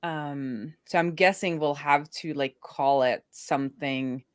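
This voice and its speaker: A Norwegian woman with an American-sounding English accent co-hosts a live build stream as a developer, chatting casually while she codes and thinking aloud with many fillers. Her voice is low-pitched, slow, clear and resonant, recorded dry in a clean studio.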